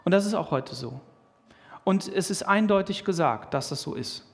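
A man with a German accent preaching a sermon, animated and emphatic, with restarts and fillers. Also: high voice, moderate pace, creaky.

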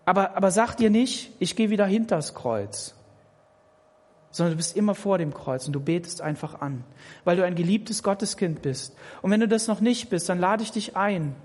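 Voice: mid-range voice, a little fast. A preacher giving a sermon, speaking directly to each listener and repeating words to drive points home. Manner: emphatic, repeats words when pressing a point. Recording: long hall reverb.

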